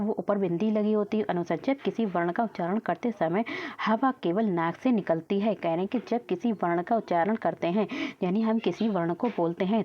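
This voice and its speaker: Female teacher, classroom grammar lesson, patient and repetitive, mid pitch, muffled lo-fi audio. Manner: asks and answers her own questions. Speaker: Hindi teacher. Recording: dull lo-fi audio.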